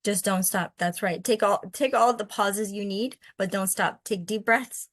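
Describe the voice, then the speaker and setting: Reading picture books aloud and then chatting about them, this woman host keeps an encouraging tone. Her mid-range voice moves at a measured pace, captured in studio quality with no echo.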